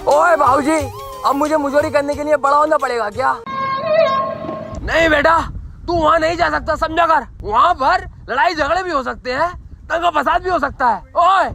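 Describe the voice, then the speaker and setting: A man acting in a comic film spoof, loudly calling out "oye" as he speaks. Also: extremely high pitch, normal speed, vocal fry, soft background music. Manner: loud, calls out "oye" often. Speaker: spoof actor playing father. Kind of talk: comedic Hindi spoof acting.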